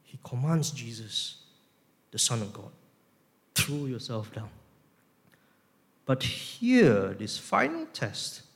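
A male pastor preaching a sermon, emphatic, slowing down to stress key words. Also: mid-range voice, vocal fry. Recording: long hall reverb.

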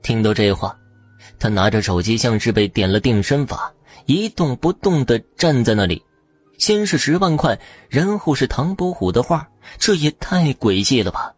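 A man narrating an audio story in an expressive, dramatic way. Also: mid-range voice, slightly rough, dry recording.

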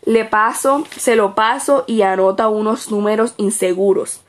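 A woman's voice: mid-range voice, measured pace. A woman reading aloud her written observation report as a student observer, with small slips and self-corrections.

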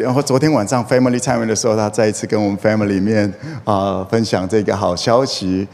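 Telling funny stories in his sermon, a middle-aged pastor draws call-and-response from his congregation. His voice is lowish and a little mellow, captured in an echoey church hall with faint background noise.

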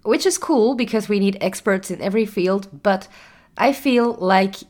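A young woman talks through her solo podcast in an easy, chatty way, her voice stuffed up and nasal from a lingering cold. Her pitch sits in an ordinary middle range, and she fills pauses with small "um"s and "uh"s. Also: darkish tone. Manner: chatty, with fillers and small laughs. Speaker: podcast host. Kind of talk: casual solo podcast talk.

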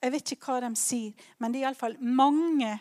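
A woman's voice: high-pitched, a little mellow. A woman preaching a sermon, retelling a Bible story in a conversational way with personal asides and fillers.

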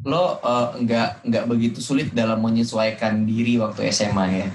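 A man's voice: lowish voice, fairly even intonation, normal speed, darkish tone, echoey room, a little hiss or hum. A man hosting a casual podcast, asking rambling questions in slang and stumbling over his words. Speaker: podcast host.

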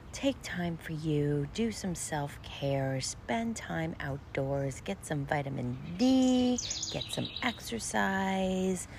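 Female podcast host. Upbeat and playful, lively swooping intonation, encouraging address straight to the listener. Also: low-pitched, vocal fry, a little hiss or hum. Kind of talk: upbeat podcast greeting and sign-off.

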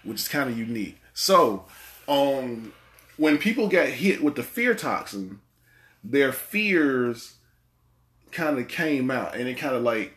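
A man's voice: medium pitch, sing-song, takes it slowly, a bit bright. A man hosting a casual movie podcast, rambling and repeating his words as he talks. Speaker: podcast host. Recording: echoey room.

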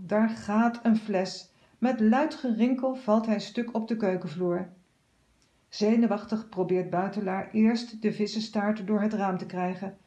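A woman calmly reading a children's story aloud. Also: mid-range voice, muffled recording.

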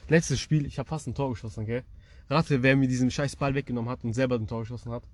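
A man's voice: medium pitch, fast talker. A young man co-hosting a podcast, telling a story in casual slang and acting out the voices of the people in it. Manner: slangy, animated, acts out voices in his story. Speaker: podcast co-host.

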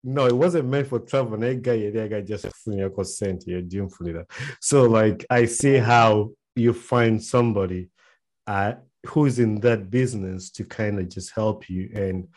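A man with a lowish voice hosts a relaxed podcast chat. He rambles through his points and slips Luganda phrases into his English. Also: normal speed. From Uganda. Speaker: podcast host. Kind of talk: casual interview chat.

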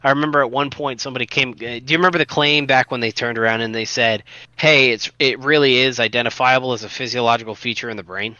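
A man's voice: medium pitch, steady tone, fast, few pauses, bright, forceful tone, no echo, dull audio. A man co-hosting a casual podcast, talking earnestly with many restarts and fillers. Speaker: podcast co-host.

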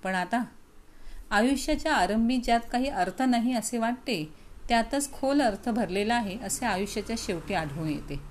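Female audiobook narrator, measured and reflective. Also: fairly high pitch, lively intonation, slight background noise. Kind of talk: audiobook reading of a novel.

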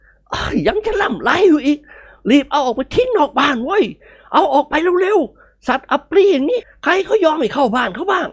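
A woman voicing a hot-tempered old nobleman who shouts in anger in a storybook reading. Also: very high voice, expressive, moderate pace, voice pushed up. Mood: furious. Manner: shouting, furious.

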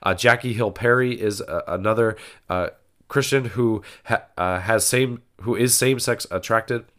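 A man hosting a podcast, sounding nasal from a cold, talking in a measured way with frequent fillers. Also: on the low side, a bit bright. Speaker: podcast host. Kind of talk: casual podcast intro.

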